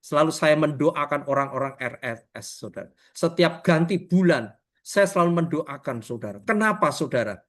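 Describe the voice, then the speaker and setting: A man's voice: on the high side, animated, normal speed, fairly bright tone. A man preaching a sermon over a video call, emotional and chatty, laughing often and constantly addressing his listeners. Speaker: pastor. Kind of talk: sermon with personal testimony. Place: online meeting.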